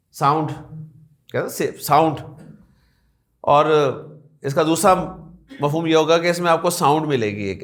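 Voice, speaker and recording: High-voiced man teaching a class. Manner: asks the class questions and repeats key points. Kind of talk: classroom lecture.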